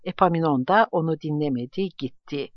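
A man narrating an audiobook in a steady, measured reading voice. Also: a little high, no echo. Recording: dull lo-fi, dry recording.

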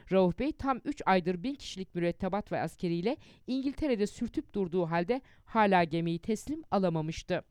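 A woman reading a historical account aloud as an audiobook narrator, in a measured storytelling manner that rises in emphasis for quoted speeches. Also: mid-range voice, warm tone, dry recording, clean studio sound.

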